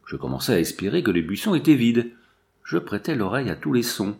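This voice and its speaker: A man narrating an audiobook in an expressive, dramatic reading style. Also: medium pitch, a little fast, vocal fry. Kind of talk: scripted narration.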